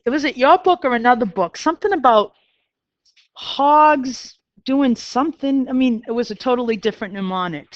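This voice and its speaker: A middle-aged math teacher with a Boston accent gives a classroom lecture, chatting with her students and poking fun at herself. Her medium-pitched voice is smooth, clear, and fairly bright. The audio has no room sound and is dry but a little dull and lo-fi.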